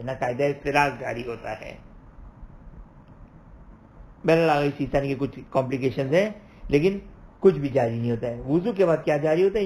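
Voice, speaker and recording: A man's voice: on the high side, darkish tone. Man explaining religious law, repeating points. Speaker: religious lecturer. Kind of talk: online jurisprudence lecture.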